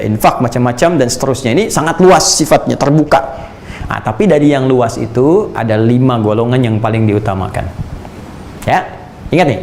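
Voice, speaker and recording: A man preaching a sermon to an audience, lively and joking, now and then laughing with his listeners. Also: mid-range voice.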